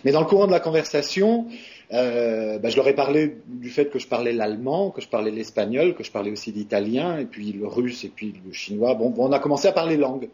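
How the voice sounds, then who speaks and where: This French voice actor, a guest in an interview, speaks with a medium-pitched, warm voice that is animated and brisk. His answers come out hesitant and casual, full of fillers and restarts. The recording is muffled and lo-fi.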